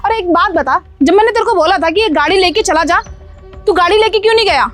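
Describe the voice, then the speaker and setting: A woman's voice: very high voice, fast, fairly bright tone. A woman voicing a scheming young wife in a cartoon story, bossy and dismissive, full of excuses, with faint music behind her. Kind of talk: Hindi cartoon story dubbing.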